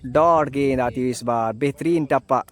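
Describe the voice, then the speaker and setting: A man giving excited live ball-by-ball cricket commentary, announcing each delivery with repeated stock phrases. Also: medium pitch, normal speed.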